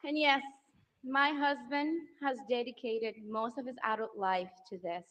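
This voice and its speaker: A Venezuelan woman in her thirties, the spouse of a political candidate, introduces him at a large outdoor rally, speaking emotionally into a handheld mic and building to rousing applause lines. Her voice is fairly high and fairly bright with a steady tone and measured pace, though the audio is dull.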